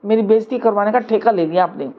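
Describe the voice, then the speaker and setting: A woman's voice: medium pitch, quick pace, narrow, tinny audio, natural voice. A woman voicing an angry young daughter-in-law who scolds her mother-in-law, in a told family story. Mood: angry scolding. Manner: scolding, indignant. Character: sharp-tongued young daughter-in-law, shouting.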